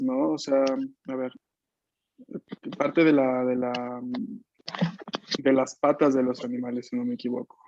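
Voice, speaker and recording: A man teaches an online Italian lesson in Spanish over a video call microphone, his mid-range voice slightly mellow and the recording muffled with no room sound. He patiently repeats students' answers, explains slowly, and checks in constantly with short tag questions.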